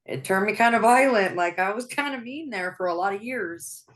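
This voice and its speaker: A woman's voice: medium pitch, normal speed. A woman being interviewed as a guest, talking openly about her life, laughing often and restarting her sentences. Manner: open, laughs often, soft-spoken with frequent restarts. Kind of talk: personal interview.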